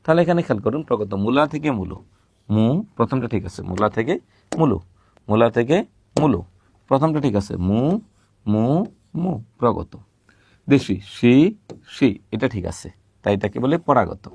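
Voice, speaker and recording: A man teaching a recorded grammar lesson, patiently repeating words slowly and asking questions he then answers himself. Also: medium pitch, lively intonation, gravelly, a little mellow, breathy edge.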